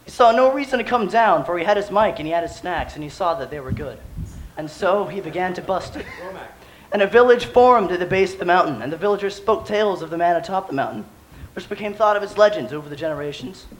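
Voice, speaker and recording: A man with a hoarse, worn-out voice stands on a stage at a live show and spins a grand, mock-epic tale. He keeps it deadpan and wry, poking fun at himself as he goes. His voice sits fairly high for a man. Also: fast, rough recording. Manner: deadpan, wry, self-mocking. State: hoarse, has lost his voice. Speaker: nerdcore rapper performing live.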